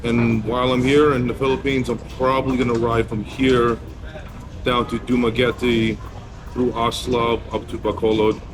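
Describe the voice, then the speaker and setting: A man's voice: medium pitch, flat delivery, normal speed. A man from Poland answering street-interview questions, giving blunt and candid opinions about travel and dating. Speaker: interviewee, business owner.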